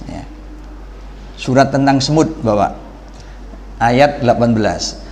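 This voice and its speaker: A man giving a lively religious lesson, explaining Arabic grammar to the audience with shouted examples and asides. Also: medium pitch, a little hiss or hum. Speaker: religious teacher. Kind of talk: Ramadan religious lecture to an audience. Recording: echoey hall with long reverb.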